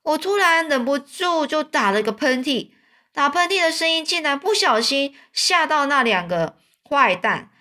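A woman's voice: high voice, animated, moderate pace, sharp tone, pitched above the performer's own voice. A woman reading as a kind old man. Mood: storytelling. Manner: kindly, talkative. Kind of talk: storybook reading.

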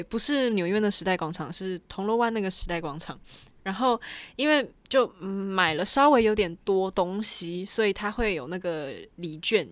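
A woman's voice: mid-range voice, a bit bright, no room sound. A woman talking casually to her viewers in a rambling, chatty way, with small laughs along the way. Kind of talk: casual storytelling vlog.

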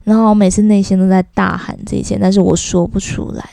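A Taiwanese-accented woman rants through a casual podcast monologue with a gravelly edge and a dark, mellow tone. The recording is dry and close, with no room sound. She sounds exasperated and keeps mimicking the people she complains about. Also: mid-range voice, flat delivery, fast talker, no echo. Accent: Taiwanese Mandarin. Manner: exasperated and venting, switching voices to quote people. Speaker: podcast host.

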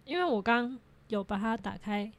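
A young woman chats casually as a podcast guest. She sounds giggly and teasing, and her voice sits on the higher side. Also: animated, normal speed. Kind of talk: casual chat.

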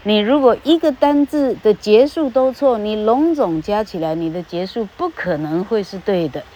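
A woman's voice: medium pitch, lively intonation, normal speed, mellow, slight background noise, rough recording. A woman giving a casual podcast lesson on English pronunciation. She talks into a podcast microphone in a chatty way, tagging her sentences with little fillers and stretching out the example words.

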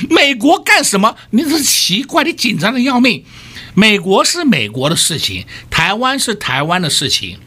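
A man's voice: sits high, sing-song, moderate pace, bright, forceful tone, slightly rough. A man hosting a radio stock market show, talking emphatically and firing rhetorical questions at listeners. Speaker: stock market analyst host.

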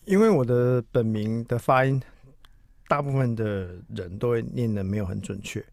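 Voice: mid-range voice, normal speed, vocal fry, darkish tone, dry recording. A co-host from southern Taiwan chatting casually on a radio show, adding short remarks. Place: radio studio.

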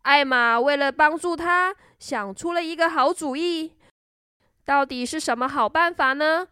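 A woman storyteller reading a children's story in a gentle, expressive way. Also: high voice, a little slow, no echo, clean studio sound.

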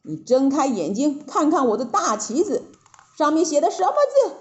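A woman's voice: sits high, big pitch swings, normal speed, darkish tone, lo-fi sound, pitched above the performer's own voice. A woman voicing a boastful, cheeky male Monkey King with a teasing, mocking manner, in a storybook reading.

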